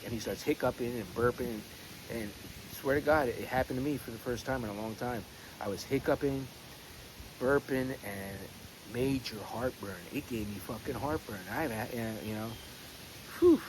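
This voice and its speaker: A man chatting casually in a rambling, halting way with mild swearing, as a vlogger recording on his phone. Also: medium pitch. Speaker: pipe-smoking vlogger. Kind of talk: rambling casual chat vlog. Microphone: phone camera. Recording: noisy phone recording with clear background noise.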